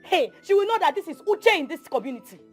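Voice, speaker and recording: A woman's voice: extremely high pitch, sing-song, fast talker, faint music behind. A Nigerian woman acting a vengeful, boastful, hot-tempered village woman in a film drama, emphatic and threatening.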